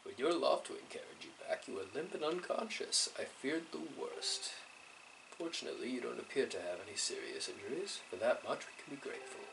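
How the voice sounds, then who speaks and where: A man doing a gentle, worried old father. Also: medium pitch, lively intonation, a little fast, gravelly, slight background noise. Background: game music.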